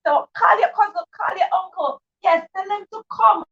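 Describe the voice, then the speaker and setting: A woman with a very high-pitched, fairly bright voice speaks at a moderate pace, enthusiastically hosting a live children's read-aloud show. She greets viewers and often repeats her phrases. The livestream microphone sounds dull and distant.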